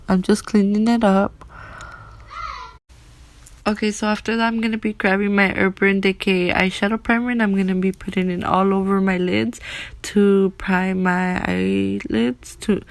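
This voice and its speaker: A woman's voice: mid-range voice, gravelly, no echo. A young woman casually narrating a makeup tutorial as a beauty vlogger, speaking with her mouth held slightly open around braces.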